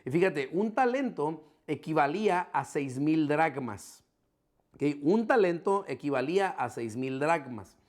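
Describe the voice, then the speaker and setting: A male pastor delivers a sermon for an online church service. His voice sits a touch higher than most men's. He explains things step by step, often checking that his listeners are following along. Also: expressive, unhurried. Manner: repeats key points for emphasis.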